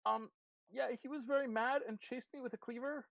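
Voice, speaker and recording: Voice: steady tone, fairly quick, gravelly, no room sound, rough recording. A game master doing a panicked stammering young cook. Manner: high, nervous, rambling and stammering. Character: panicked young assistant cook, high and fretful.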